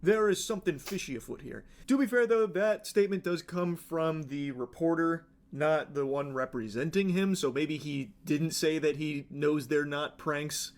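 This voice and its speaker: Young male co-host, slightly high-pitched, dry sarcastic commentary. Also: normal speed, few pauses. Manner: sarcastic, mocks pranksters in a whiny put-on tone. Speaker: co-host reacting to news clips. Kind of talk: casual commentary.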